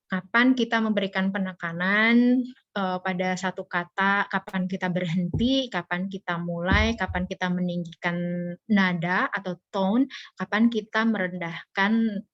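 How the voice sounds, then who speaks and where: A woman's voice: medium pitch, a little slow, no echo. Woman teaching on a muffled video call. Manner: lively, playful, laughs often. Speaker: public speaking trainer. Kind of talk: online workshop teaching.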